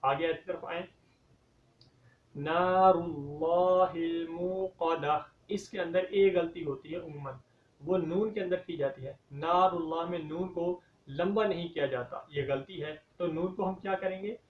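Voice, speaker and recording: A man teaching Quran recitation, explaining common mistakes and reciting verses slowly and drawn out. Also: fairly high pitch, slight background noise. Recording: dull, echoey, from a distance.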